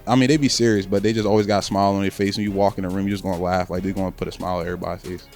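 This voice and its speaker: A man's voice: deep voice, little pitch movement, rapid-fire, darkish tone, soft background music. A young man, a college basketball player, answering interview questions in a casual, slangy, earnest way. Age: young adult.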